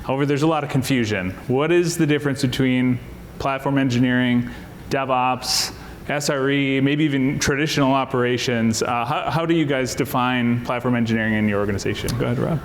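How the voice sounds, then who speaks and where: A man moderating a conference panel, asking brisk, encouraging questions. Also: medium pitch, fairly even intonation, a little hiss or hum. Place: conference stage. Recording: hall reverb with faint ambience.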